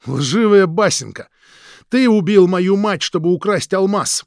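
A bitter, vengeful old man, as a male reader puts him on for an audiobook. He speaks loud, slow and accusing, pitched a little higher than the narration. The sound is dry and close. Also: no echo. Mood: furious. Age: older.

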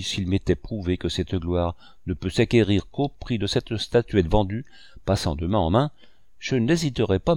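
A man reading as a passionate young sculptor in love, earnest and solemn, his voice deep and low. The lines swing with feeling, recorded close and dry. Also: darkish tone, no echo.

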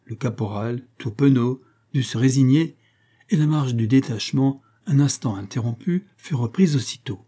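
Mellow-voiced male audiobook narrator. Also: medium pitch, normal speed. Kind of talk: scripted narration.

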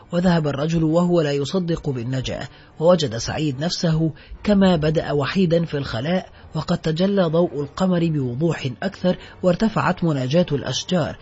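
A man narrating a literary novel as an audiobook in a steady, scripted reading. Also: fairly high pitch, husky. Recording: muffled lo-fi recording, faint music.

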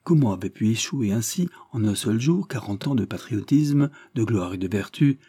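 A man narrating a historical adventure novel as an audiobook, measured and dramatic. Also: lowish voice, animated, mellow, slightly rough. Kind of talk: scripted narration.

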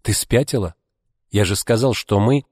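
A man's voice: lowish voice, moderate pace, a little mellow, lightly acted. A man voicing a bewildered, exasperated husband in an audiobook, speaking in a startled way.

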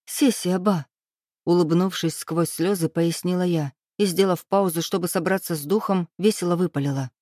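A woman giving measured first-person audiobook narration. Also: on the low side, fairly even intonation, darkish tone, dry recording, clean studio sound. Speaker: audiobook reader.

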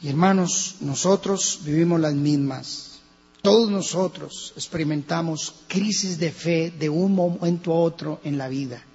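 A man with a Colombian accent preaching a sermon as pastor, swinging between hushed and loud passages. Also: fairly high pitch, unhurried, husky, faint music behind. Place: church hall. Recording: lo-fi church recording with long reverb and mains hum.

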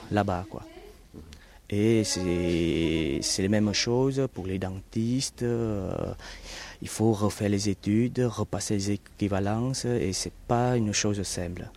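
A man with a Vietnamese accent answers questions in a relaxed interview. He talks slowly, in a somewhat low voice. He hesitates often and restarts his sentences. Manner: hesitant, many fillers and restarts.

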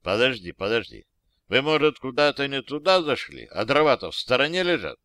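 A man's voice: mid-range voice, sing-song, a little fast, sharp tone, no echo. A man voicing a stern army captain in an audiobook, speaking coldly and drily. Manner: cold and dry. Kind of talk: audiobook character voice.

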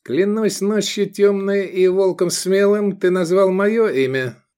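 Man voicing a stern desert chief, slow solemn oaths, raised pitch. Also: darkish tone, smooth.

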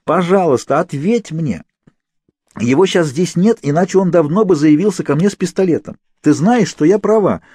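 A man voicing a desperate, defiant young woman held captive, shouting and pleading insistently. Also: fairly high pitch, big pitch swings, racing, hardly any pauses, no echo, voice pushed up. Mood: urgent pleading.

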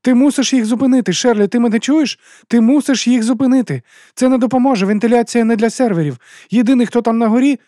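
A woman's voice: on the high side, quick pace, hardly any pauses, mellow, dry recording, studio quality, voice pushed up, close to an everyday voice. A male audiobook reader voicing a desperate young woman calling over a radio, speaking in urgent, breathless pleas.

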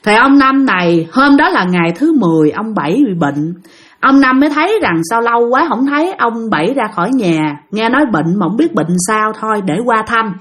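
A woman's voice: fairly high pitch, animated, moderate pace, fairly bright tone. A woman telling a ghost story in a chatty, casual way, speaking straight to her listeners. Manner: chatty, addresses listeners directly.

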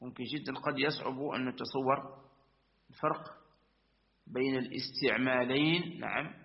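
A man's voice: medium pitch, fairly even intonation, creaky. Man teaching grammar on a dull recording. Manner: methodical, repeats and affirms with frequent asides; recites verse lines slowly. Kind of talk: religious-school lesson explaining a verse text.

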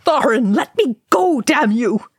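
A woman's voice: fairly high pitch, very animated, moderate pace, breathy edge, no echo, clean studio sound, voice pushed up. A woman voicing an old male dwarf who speaks in a choked, strained voice. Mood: anguished. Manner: choked, howling.

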